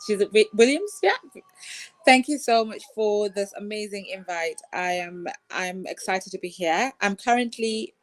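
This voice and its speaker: A woman's voice: mid-range voice, lively intonation, measured pace. A woman life coach speaking from her sofa at home on a video call with headphones, earnest and motivational. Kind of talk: casual online panel chat.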